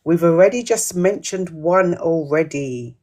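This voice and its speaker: A woman's voice: fairly low pitch, measured pace, mellow. A woman hosting a live quiz, reading each question twice and reacting to viewers' comments in a chatty way. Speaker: host of a live menopause quiz.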